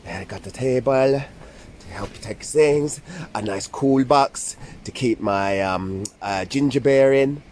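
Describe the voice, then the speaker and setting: A man voicing a chatty, excitable girl doll in a slow drawl, savouring and repeating phrases as the doll gives a playful tour for a children's video. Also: mid-range voice, slight background noise, lightly acted. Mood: leisurely, pleased.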